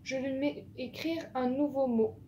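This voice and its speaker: Slow, patient woman teaching phonics. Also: high-pitched, steady tone, dark tone, a little hiss or hum. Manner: slow, patient, spells out letters and drills sounds. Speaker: primary school teacher. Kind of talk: phonics lesson for young children.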